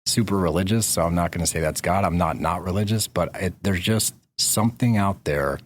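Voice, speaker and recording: A man's voice: low voice, a little fast. A man talking as a podcast guest, telling stories in a laid-back, slangy way. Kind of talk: casual conversation.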